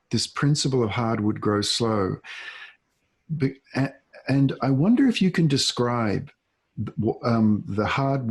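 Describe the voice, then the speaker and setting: A middle-aged male host asks a long, halting interview question, searching for words with many restarts. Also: medium pitch, husky.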